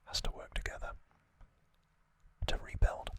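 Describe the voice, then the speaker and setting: In an unhurried whisper, a man narrates an ASMR story as its host, delivering it gently in brief, quiet phrases.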